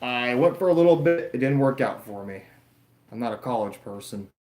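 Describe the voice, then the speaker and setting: A man's voice: mid-range voice, lively intonation, normal speed, a little mellow, roomy sound. Rambling young man chatting to his stream. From Florida. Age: 20s. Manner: rambling, chatty, answers live chat, self-mocking. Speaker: YouTuber streaming a wrestling watch-along. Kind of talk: casual live-stream chat.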